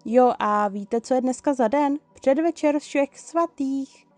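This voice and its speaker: Lady putting on a high squeaky teen girl, cheeky and playful, soft dark tone. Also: no room sound, faint music behind, close to an everyday voice. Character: cheerful teenage girl friend, teasing.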